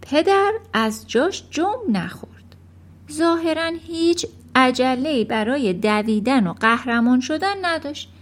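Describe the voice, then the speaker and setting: A woman narrates a children's storybook with a bright, high voice. Her reading is expressive and animated, her pitch rising and falling freely. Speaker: audiobook narrator.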